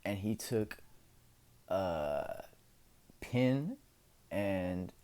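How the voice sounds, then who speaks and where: A man's voice: deep voice, animated, drawn-out words, warm tone. A man telling a casual, rambling story for a vlog, full of filler words, recorded on his camera's own microphone. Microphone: camera's built-in microphone.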